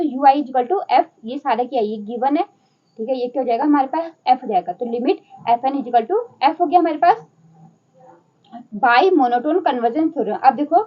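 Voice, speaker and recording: High-voiced Hindi-accented woman lecturing. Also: dull audio. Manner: explains step by step, asking and answering her own questions. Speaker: math lecturer. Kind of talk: whiteboard math lecture.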